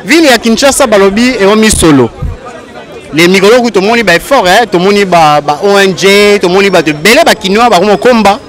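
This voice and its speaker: A male reporter running a brisk street interview outdoors in a city. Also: high voice, animated, a bit bright, some chatter behind.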